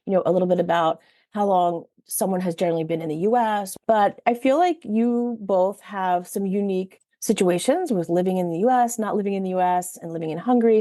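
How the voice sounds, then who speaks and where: A podcast host with a dark, mid-range voice greets her listeners and introduces her guests in an upbeat, welcoming way during a scripted intro and interview. The recording is dry and clean, with studio quality.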